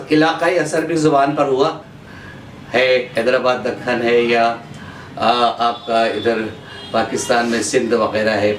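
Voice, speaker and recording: A man's voice: medium pitch, far from the mic. Man teaching pronunciation in an echoey room. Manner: measured, repeats each word to model pronunciation; frequent drawn-out "uh" fillers. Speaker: Urdu teacher. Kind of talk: pronunciation lesson. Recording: echoey room, voice off-mic, faint background hum.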